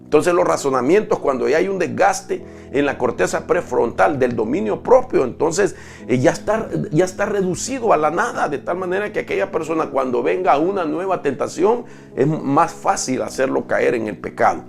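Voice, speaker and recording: A man's voice: fairly high pitch, lively intonation, normal speed, gravelly, soft background music. A man preaching a sermon-style Bible lesson, explaining step by step with restarts and rhetorical questions. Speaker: apostle preaching.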